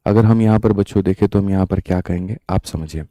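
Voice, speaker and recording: A male maths teacher with a sore, hoarse throat leads a live online lesson. His voice is low and very dark, recorded dry and close. He keeps asking rhetorical questions and calls his students "brother". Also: fast, no room sound. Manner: addresses students as "mere bhai" and "bachchon", with repetitive rhetorical questions.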